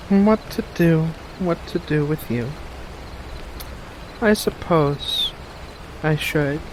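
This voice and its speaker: A man voices a mischievous furry witch of the woods for a teasing, soft-spoken ASMR roleplay full of gentle endearments. His pitch is fairly high, and the background is noisy.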